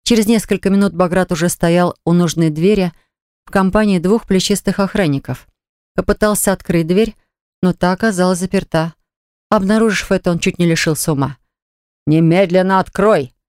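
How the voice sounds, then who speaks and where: Smooth, crisp audiobook narrator. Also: mid-range voice, a little fast, darkish tone, no echo, studio quality. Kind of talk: scripted narration of a romance novel.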